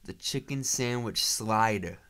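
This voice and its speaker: Profane, excitable podcast co-host man. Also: on the low side, measured pace, smooth. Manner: loose, profane, excitable riffing. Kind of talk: casual chat.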